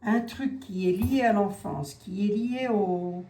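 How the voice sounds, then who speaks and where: A woman speaks slowly in a low, mellow voice, thinking aloud as she reads cards for her viewers. She hesitates, circles back and repeats phrases while she works things out. The sound is echoey, with faint ambient noise in the background. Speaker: psychic card reader. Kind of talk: casual live card reading.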